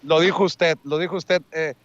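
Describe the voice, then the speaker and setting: Un hombre mexicano que hace de reportero callejero, entrevista a la gente con tono cordial y bromista. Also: male voice, on the high side, fairly even intonation, normal speed, a bit bright, dry recording. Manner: friendly, joking, coaxing. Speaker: street reporter. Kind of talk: street interview. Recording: dull lo-fi dry sound.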